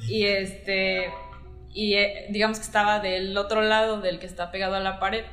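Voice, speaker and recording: A woman with a Mexican accent, speaking at a normal speed in a mid-range voice, tells an animated story during casual chat. She acts out the quoted dialogue of the people in it. The recording has a roomy echo with faint music underneath.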